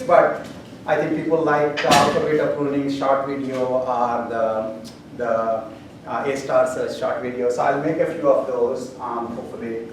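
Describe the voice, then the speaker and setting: A man's voice: medium pitch, a little hiss or hum. A man with an Indian accent, a university professor giving class announcements in a rambling way with many fillers and dry humor, heard from a distant camera in a lecture hall.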